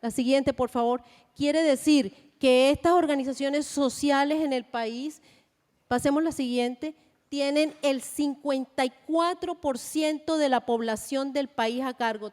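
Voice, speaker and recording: A Colombian woman speaking at a conference panel, measured and deliberate with frequent hesitations. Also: high voice, a little mellow. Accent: Colombian Spanish. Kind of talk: conference presentation. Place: large conference hall. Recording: long hall reverb.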